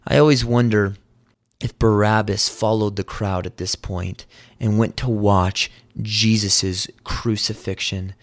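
A man's voice: medium pitch, dry recording. A man preaching a sermon, telling the story earnestly and voicing the quoted lines with rising intensity.

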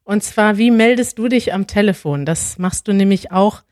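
Woman, podcast host, casual live chat, lively, close mic, dry sound. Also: medium pitch, normal speed, no echo. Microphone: close studio mic.

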